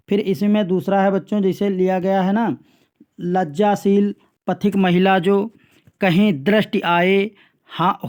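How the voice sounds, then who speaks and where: A man's voice: high voice, dark tone. A male teacher going through an exam paper for students step by step, often checking in with the class and repeating phrases. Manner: explains step by step, often repeats "theek hai bachchon". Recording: dull lo-fi recording.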